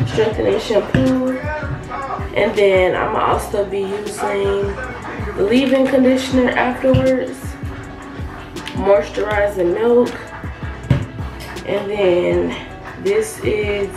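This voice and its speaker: A woman's voice: mid-range voice, far from the mic. A young woman talks casually to the camera, her voice a little affected by being sick. She takes her time and repeats phrases for emphasis. The sound is roomy and set back from the mic in a small bathroom, with music playing behind her. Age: young adult. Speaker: natural hair vlogger. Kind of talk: casual tutorial chat to camera. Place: small tiled home bathroom, indoors. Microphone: camera mic a short distance away.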